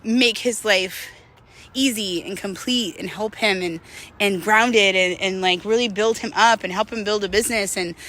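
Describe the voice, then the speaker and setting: In her thirties, this woman has a mid-range, bright voice with a forceful tone. She talks candidly in a rambling, slangy way, like a vlogger sharing confessions on a casual walking vlog.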